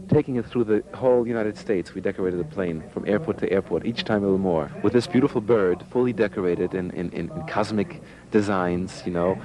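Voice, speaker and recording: A man, an artist, recalling past work with enthusiastic, halting speech. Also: deep voice, rough recording. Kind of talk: documentary interview.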